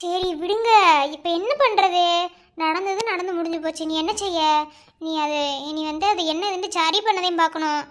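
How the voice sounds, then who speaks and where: Woman doing very high-pitched Madurai cartoon girls. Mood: tearful. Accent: Madurai Tamil. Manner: scolding, quick village slang. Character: young village women of a family, bickering and tearful. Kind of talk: animated family cartoon dubbing.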